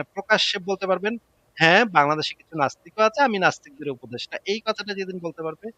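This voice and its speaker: A male guest commentator delivering impassioned political commentary. His voice sits a little high, and he keeps firing off rhetorical questions. He sounds scornful and fervent throughout. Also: fairly bright tone, lo-fi sound. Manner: scornful, acts out opponents' voices.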